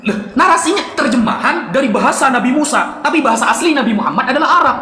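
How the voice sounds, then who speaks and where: Male cleric debater, quick and sharp, dismissive, recorded in an echoey room. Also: extremely high pitch, expressive. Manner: dismissive, brushes off claims. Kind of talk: heated online religious debate.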